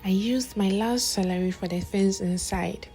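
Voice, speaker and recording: A woman voicing a gentle, self-sacrificing older sister who speaks softly and meekly, in a storybook narration. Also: medium pitch, normal speed, faint music behind, natural voice. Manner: soft, meek.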